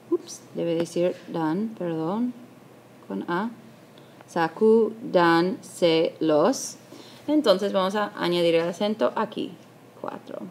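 Slow, patient woman teacher. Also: lowish voice. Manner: patient, explains step by step; corrects her own slips aloud. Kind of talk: recorded video lesson.

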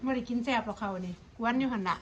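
High-voiced Isan woman coaxing her pets. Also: rapid-fire, lo-fi sound, slight background noise. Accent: Isan Thai. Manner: sing-song coaxing talk to animals. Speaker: pet vlogger. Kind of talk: casual talk to pets.

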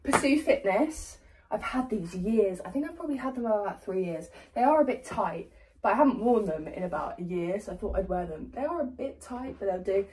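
A woman's voice: mid-range voice, expressive, a little fast, a little mellow, a little hiss or hum. Chatty young British woman vlogging. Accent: British English. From United Kingdom. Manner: chatty, rambling, self-deprecating. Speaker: personal trainer and vlogger. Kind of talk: casual day-in-the-life vlog. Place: home rooms, then a gym. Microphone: phone camera propped nearby.

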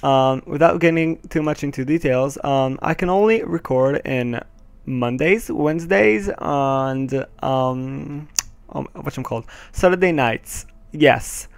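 This gaming channel host is an Israeli teenager, native in Hebrew and carrying an Israeli accent, giving casual, hesitant headset commentary full of ums and nervous laughs, with swearing when the game goes wrong. He speaks a little slowly in a fairly high voice that's creaky yet clear and resonant, with no room sound.

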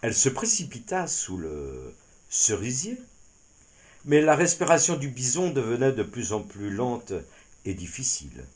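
A male storyteller reading an animal fable aloud. His pitch rises and falls with lively expression while he keeps an unhurried pace, letting each sentence breathe. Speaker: narrator. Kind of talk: storytelling narration.

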